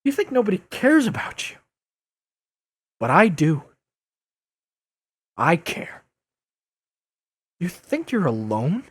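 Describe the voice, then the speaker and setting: A man playing a youthful, earnest masked superhero in an audio drama, speaking with emotional, imploring and halting delivery. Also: sits high, huge pitch swings, slightly rough, no echo, studio quality, full character voice. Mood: pleading. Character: youthful earnest masked superhero, joking but pleading and wounded.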